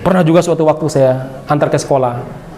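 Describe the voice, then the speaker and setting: A middle-aged man from Bima preaching a religious lecture in a high voice. He talks in a relaxed, storytelling way, lively and humorous. A faint hum sits under his speech. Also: a little fast. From Bima, Indonesia. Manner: lively and humorous, often laughing and acting out dialogue.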